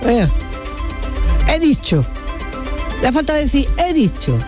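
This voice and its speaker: Very high-voiced woman radio host. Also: sing-song, a little slow, music in the background. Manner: chatty, encouraging callers. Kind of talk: morning call-in radio chat.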